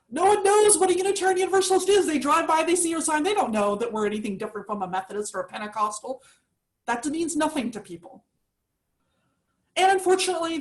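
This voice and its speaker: A woman minister delivers her sermon in a high, bright-sounding voice. She talks in a chatty, enthusiastic way, like she is telling a story to friends. She is preaching from a church.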